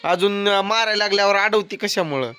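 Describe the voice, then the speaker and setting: A man's voice: high voice, normal speed, sharp tone, slight background noise. A man filming his family on a phone in a farmyard, scolding and teasing them in a blunt, casual way. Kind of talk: casual home vlog. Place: farmyard at home with animals. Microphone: phone camera.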